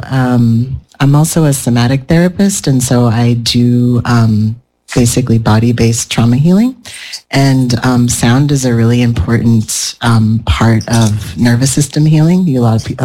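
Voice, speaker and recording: An American somatic therapist sits on a panel in an event room before a live audience, speaking at a measured pace in a dark, mid-range voice. The recording is low quality. His casual talk is thoughtful and rambling, and he often restarts his sentences.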